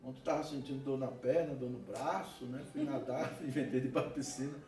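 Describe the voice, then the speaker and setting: A man with a Brazilian Portuguese accent, a pastor preaching an animated sermon with laughter and asides. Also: mid-range voice, a little fast, slight background noise. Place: church hall. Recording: echoey church hall, mic at a distance.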